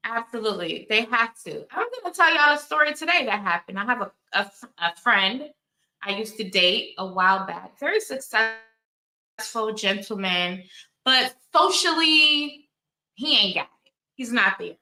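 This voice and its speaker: Bright-voiced woman in her forties, echoey room. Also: fairly high pitch, lively intonation, moderate pace. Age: 40s. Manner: candid, storytelling, many restarts and asides. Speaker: channel host. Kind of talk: casual commentary chat.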